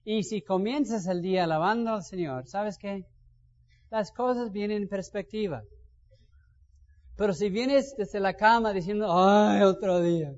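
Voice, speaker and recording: High-voiced man preaching. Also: unhurried. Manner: expressive preaching that swings between loud bursts and soft asides. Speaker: pastor. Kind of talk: sermon. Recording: dull sound with long reverb.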